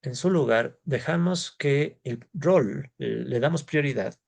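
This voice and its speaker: A man's voice: mid-range voice, a little slow, creaky, darkish tone. A man from Ecuador, giving an informal university economics lecture. He talks conversationally, thinks aloud, and keeps checking in with his students with short tag questions.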